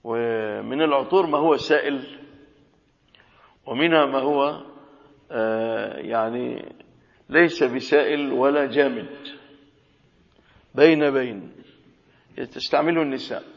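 Sheikh teaching a text, reads then explains in plain talk, long hall echo, dull lo-fi sound. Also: male voice, medium pitch, unhurried, gravelly, pauses often. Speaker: Islamic scholar teaching a classical text. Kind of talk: religious lesson, reading and explaining a text.

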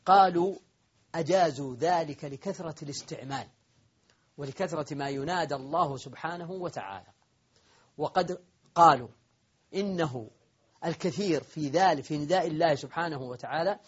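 A man's voice: fairly high pitch, breathy edge, muffled recording. A man teaching an Arabic grammar lesson, explaining step by step, repeating key points and answering his own questions.

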